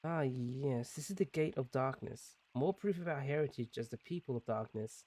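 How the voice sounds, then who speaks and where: A man voicing a solemn gatekeeper of a sealed gate, reading in a slow, formal way while playing a game. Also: mid-range voice, a little mellow, lightly acted.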